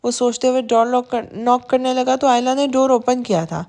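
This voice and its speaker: Woman narrating a romance novel, higher voice. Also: steady tone, a little mellow. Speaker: audiobook narrator.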